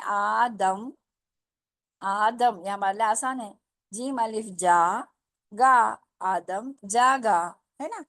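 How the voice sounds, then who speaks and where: A woman's voice: mid-range voice, no room sound. A woman teaching the Urdu script in an online lesson, patiently sounding out letters and words syllable by syllable and checking that students follow. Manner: slow, drawn-out syllable-by-syllable drills; patient, repeats and checks understanding.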